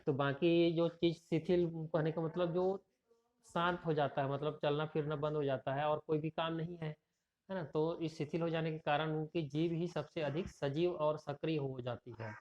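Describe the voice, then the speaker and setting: A man's voice: on the high side, fairly even intonation, moderate pace, a little mellow. A male teacher reading a story aloud and explaining it, with frequent fillers and restarts. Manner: rambling with repeated fillers. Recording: dull lo-fi recording.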